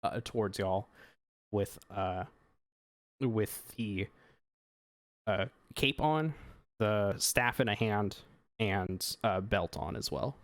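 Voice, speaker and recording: A man with a low voice runs a tabletop game, describing each scene in loose, rambling sentences full of fillers and restarts. The sound is dry and close to the mic. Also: takes it slowly, long pauses, no echo. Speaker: game master.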